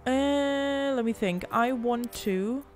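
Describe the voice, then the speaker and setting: A woman's voice: fairly high pitch, slow pace, darkish tone. A woman giving casual, teasing commentary while playing a role-playing game, grumbling and swearing at her party. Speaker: gameplay video host. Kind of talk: casual let's-play commentary. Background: game music.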